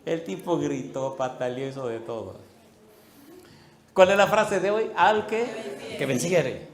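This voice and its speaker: A male pastor preaching a sermon, telling an animated story and acting out the voices in it. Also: a little high, measured pace. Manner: animated, acts out voices in anecdotes. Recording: echoey room.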